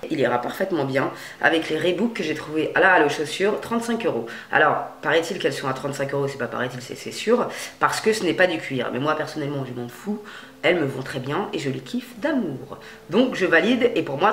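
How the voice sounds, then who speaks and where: A woman vlogging a clothing haul in a chatty, slangy way, swearing freely and swinging between loud and quiet. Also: low voice, reverberant, slight background noise. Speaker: beauty and fashion vlogger. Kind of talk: casual haul vlog.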